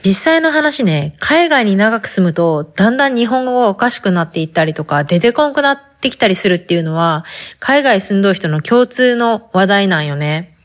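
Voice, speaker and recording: A woman's voice: medium pitch, lively intonation, brisk. A woman hosting a podcast in a chatty, casual monologue with a Hakata dialect, talking straight to the listener. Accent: Hakata dialect Japanese. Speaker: podcast host.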